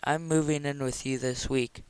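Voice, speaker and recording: A man's voice: a little high, steady tone, moderate pace, darkish tone, clear, resonant tone, no room sound, close to an everyday voice. A man voicing a determined young woman. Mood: earnest. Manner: earnest, insistent.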